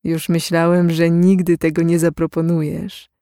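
A narrator voicing a gentle, evasive young man who talks hesitantly about his past, in an audiobook reading. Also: a little high, monotone, clean tone, no room sound, clean studio sound, close to an everyday voice. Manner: hesitant, slow, sparing with words.

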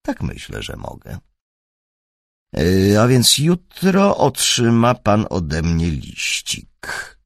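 A man voicing a calm and shrewd male detective who speaks in a soft, measured, dry way. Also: on the low side, vocal fry, no room sound, heavily acted.

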